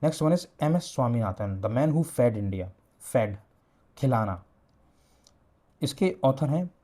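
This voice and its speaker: Mellow-voiced man teaching exam memory tricks. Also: medium pitch. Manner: explains slowly, repeating key words and spelling out book titles.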